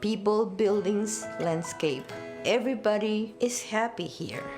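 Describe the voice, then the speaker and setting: Woman from Guatemala, housing resident, halting speech, music bed underneath. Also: medium pitch. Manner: halting, with fillers. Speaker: longtime public housing resident. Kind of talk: documentary interview.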